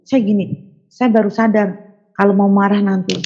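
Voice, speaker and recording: A woman tells her own story as an interview guest, acting out the voices of the people she quotes with big jumps in pitch. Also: flat delivery, normal speed, a little mellow, highs cut off, slight background noise. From Sundanese region of West Java, Indonesia. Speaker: guest giving a testimony. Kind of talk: animated personal storytelling.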